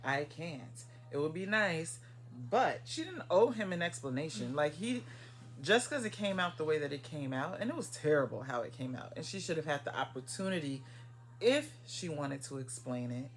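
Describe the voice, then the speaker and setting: Brief: animated co-host for a casual recap chat, mid-pitched, emphatic. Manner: chatty and emphatic, with quick asides.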